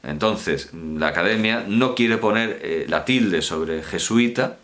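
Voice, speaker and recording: Man, university lecturer, low voice, very animated intonation, colloquial, self-correcting. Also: slow pace. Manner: digressive, colloquial, self-correcting, repeats key words.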